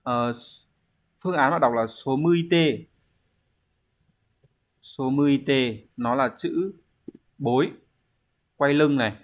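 A man's voice: medium pitch, unhurried, long pauses. A man, teaching a language exam review lesson, explaining step by step and answering his own questions.

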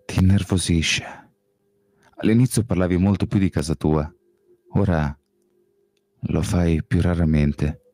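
A man reading an audiobook voicing an intense, brooding young male vampire in a soft, earnest, pleading way. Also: sits low, fairly even intonation, a little slow, long pauses. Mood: gentle.

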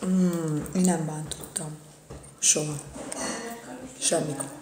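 A woman's voice: low-pitched, flat delivery, roomy sound, background noise. A woman in a casual live-stream rant, indignant and repeating her phrases.

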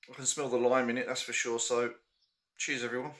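A man's voice: mid-range voice, little pitch movement, fairly quick, a bit bright. A young man chatting casually to camera in a small room as he reviews a beer, hesitant with frequent ums.

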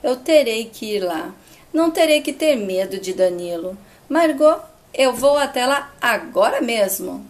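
A woman voicing an anxious, earnest young woman who speaks softly and hesitantly. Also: fairly high pitch, animated, measured pace.

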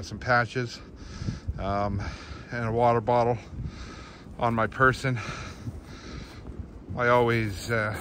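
A man's voice: mid-range voice, noisy background. A middle-aged man vlogging casually outdoors on a winter trail, talking earnestly with lots of ums and uhs into a phone held at arm's length. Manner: rambling, many fillers, earnest.

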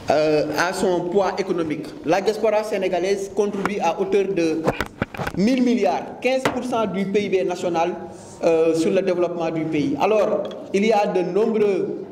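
Senegalese businessman, 40s, press-conference statement, earnest and emphatic, high dark voice, distant in a reverberant hall. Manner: earnest, emphatic, with frequent hesitations. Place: conference room. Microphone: handheld mic among a cluster of press mics.

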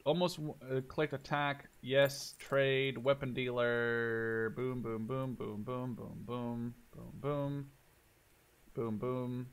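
This gaming video host, a Dutchman living in Canada, is in his twenties and narrates gameplay indoors with informal, profanity-laced musings. His medium-pitched voice is clear and resonant, level in tone, and he takes his time.

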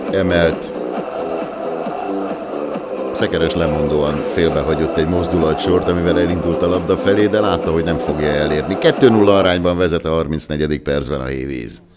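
Casting: very low-voiced male commentator, excited local football match call. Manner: excited Hungarian sports commentary, raised voice at goals.

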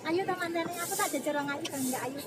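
A woman's voice: extremely high pitch, fast. A woman in her forties with a Javanese Indonesian accent, cheerfully interviewing people in a park on a phone held at arm's length. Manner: chatty and cheerful, teasing. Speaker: vlogger interviewing migrant workers. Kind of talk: casual on-the-street interview. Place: outdoor park with crowd. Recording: loud outdoor crowd and noise.

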